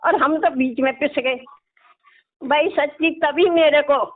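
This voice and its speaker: Heard through a tinny, narrow phone connection, a middle-aged woman with a high voice speaks in a steady tone and unhurried manner. She is a caller and religious devotee, casually chatting and complaining while tagging her phrases with small questions.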